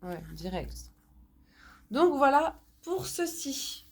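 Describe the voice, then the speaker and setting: A French woman showing her craft purchases in a casual haul video, talking slowly with many hesitations, a little hoarse because she is sick. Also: high voice, very animated, slight background noise. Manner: slow, hesitant, many fillers. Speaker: crafts vlogger.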